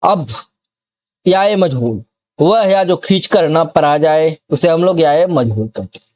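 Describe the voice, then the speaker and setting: A man's voice: on the high side, lively intonation, measured pace. A man with a Bihar accent teaching a grammar lesson, who repeats example words one at a time and keeps asking if the student has understood.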